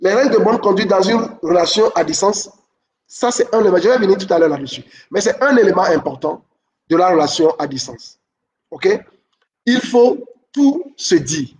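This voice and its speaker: A man's voice: high-pitched, fairly quick, far from the mic. A man giving a relationship coaching talk, repeating his main points and checking in with the listeners. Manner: repeats key points, asks "ok?" often. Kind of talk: teaching talk.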